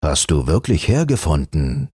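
Man acting an ancient, very deep monkey king. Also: sing-song, unhurried, a little mellow, husky, dry recording, clean studio sound, heavily acted. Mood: knowing. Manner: majestic, grave. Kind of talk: fairy tale audiobook character.

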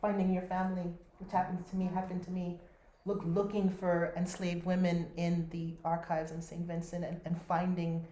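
Halting woman moderating an online panel. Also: fairly low pitch, flat delivery, mellow. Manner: halting, many restarts. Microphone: video call. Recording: echoey room, faint noise.

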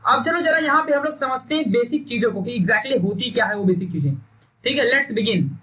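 A man's voice: very high-pitched, expressive, a little fast, bright, forceful tone. A young man teaching a recorded science lesson, emphatic and stern, drilling points and scolding students into memorizing. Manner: stern, scolding pep talk.

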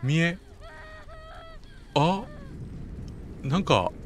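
A man with a Kansai accent giving casual running commentary while playing a game, often telling a character to be quiet. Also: on the high side, big pitch swings, very slow, slight background noise. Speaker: game streamer. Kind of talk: casual let's-play commentary.

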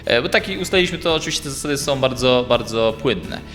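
A man giving an informal, halting interview explanation as a library representative, often repeating words. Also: mid-range voice, lively intonation, fairly bright tone. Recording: long reverberant hall, music behind.

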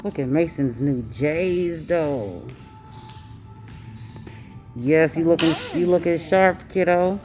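Deep-voiced and slow, pausing often, a mother in her thirties narrates her family vlog with music playing in the background. She jokes with her baby and kids on a handheld camera in a hotel room, a lobby and city streets.

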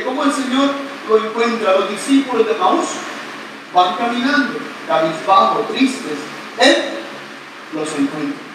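Recorded from a camera far back in the crowd, a priest who is not Puerto Rican gives a retreat Mass sermon under a big open-air covered pavilion. His voice is high, and he's playful, joking with the congregation and leading call-and-response. The outdoor audio comes across distant, echoey, and noisy.

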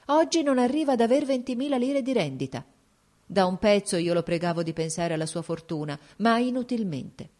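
A woman's voice: lowish voice, darkish tone, natural voice. A woman reading an audiobook, voicing a shrewd, composed court duchess who speaks frankly and persuasively.

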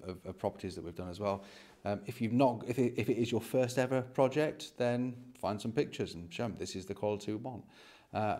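A British property vlogger in his forties gives a casual explanation to camera, recorded indoors in an empty house on a phone he holds at arm's length. His voice is lowish with a darkish tone.

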